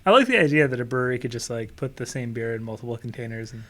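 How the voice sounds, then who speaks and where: A man's voice: medium pitch, expressive, rapid-fire, fairly bright tone. Joking man co-hosting a chatty podcast. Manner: joking, easygoing banter. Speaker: podcast co-host. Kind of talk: casual chat.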